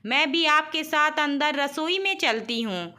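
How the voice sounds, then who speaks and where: A woman playing a cheerful, gluttonous young wife from a storybook, high and bright, gushing over food. she pleads sweetly when she is scolded. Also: animated, a little slow, full character voice. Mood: greedy.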